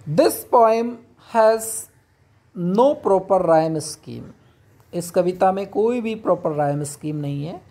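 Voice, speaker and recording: A man teaching English poetry, explaining step by step and reading definitions slowly. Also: high voice, creaky, dark tone. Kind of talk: classroom lecture.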